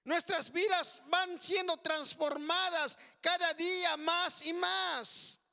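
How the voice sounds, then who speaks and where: A man with a very high, bright voice delivers a slow, deliberate sermon. He stretches his phrases and keeps calling out to his listeners as brothers. His voice rings with a long reverb in a church hall. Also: steady tone, creaky. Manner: slow, drawn-out preaching with frequent "hermano" asides. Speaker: preacher.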